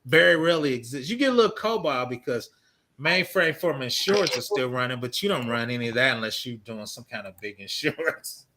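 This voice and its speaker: A man's voice: mid-range voice, lively intonation, fairly quick, bright, forceful tone. A man in his fifties hosting a casual tech chat, laughing often as he talks. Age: 50s. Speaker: host.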